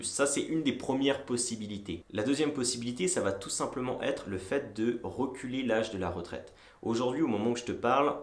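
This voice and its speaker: A man in his twenties from France, casually explaining to the viewer straight on, with frequent hesitations. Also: on the low side. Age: 20s. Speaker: entrepreneur and video host. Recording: echoey room.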